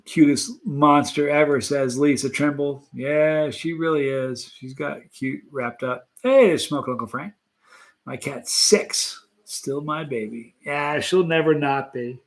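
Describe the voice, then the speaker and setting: A man in his late fifties, the host of a live stream, chatting casually and reading viewer comments, animated and laughing often. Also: on the high side, takes it slowly. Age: 50s.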